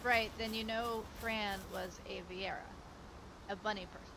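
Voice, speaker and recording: A woman chatting casually while streaming a game, chatty and quick to laugh and joke. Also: mid-range voice, steady tone, gravelly. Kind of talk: casual gameplay chat. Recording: audible background noise.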